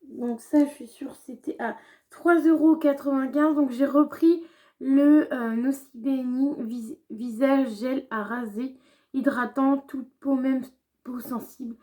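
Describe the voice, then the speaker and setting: A woman's voice: sits high, steady tone, takes it slowly, dark tone. Chatty young French woman vlogger. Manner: chatty, many fillers and restarts. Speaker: beauty vlogger. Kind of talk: casual haul vlog.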